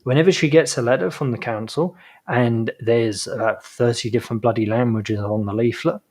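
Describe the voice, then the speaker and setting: A man's voice: medium pitch, moderate pace, darkish tone. A British man from England, co-hosting an opinionated casual chat, ranting in an exasperated way. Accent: British English. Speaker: co-host.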